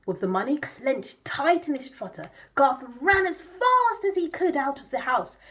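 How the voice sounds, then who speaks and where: Female kids' storyteller, broad singsong theatrical delivery, animated melody, unhurried pace. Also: sits high. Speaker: children's storyteller. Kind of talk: storytelling for young children.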